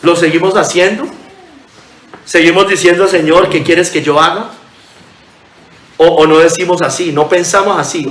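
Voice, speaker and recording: A man's voice: a little high, roomy sound. A pastor preaching a sermon in earnest, reading scripture aloud and calling his listeners brothers.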